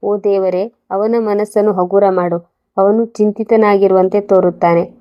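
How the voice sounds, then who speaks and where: A gentle young wife speaks softly and patiently, read by a woman storyteller. Her delivery stays flat and unhurried. The recording sounds dull and lo-fi. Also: medium pitch, close to an everyday voice. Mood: calm. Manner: soft, steady and quiet.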